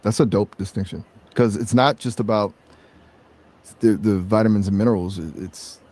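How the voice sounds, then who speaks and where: A man's voice: lowish voice, steady tone, normal speed, darkish tone. A synthetic male voice acting as a conversation guest, laid-back and upbeat, full of casual slang. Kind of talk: casual chat.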